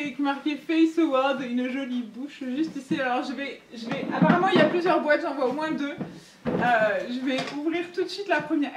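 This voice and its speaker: A woman chatting excitedly and giggling as she unboxes makeup for her beauty vlog. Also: sits high. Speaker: beauty vlogger. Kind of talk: casual unboxing chat. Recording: echoey room, faint noise.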